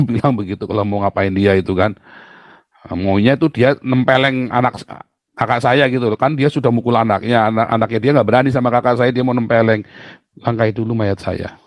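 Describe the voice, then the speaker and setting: A man's voice: medium pitch, a little mellow, dry recording, studio quality. A middle-aged man preaching a sermon, telling family stories with sudden exclamations and laughs. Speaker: pastor.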